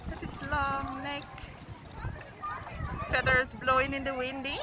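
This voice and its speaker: A woman's voice: high-pitched, level tone, unhurried. A woman in her forties, chatty and repeating herself as she vlogs a zoo visit, filmed on a phone at arm's length on a windy day. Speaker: vlogger. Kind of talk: casual vlog. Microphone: phone held at arm's length. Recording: wind noise on a phone mic.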